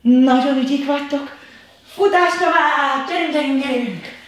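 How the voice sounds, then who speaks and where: Woman, children's exercise instructor, higher voice, lively and commanding, in a boomy room away from the mic. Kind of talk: leading a kids' workout video. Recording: very echoey room, voice from a distance, faint noise.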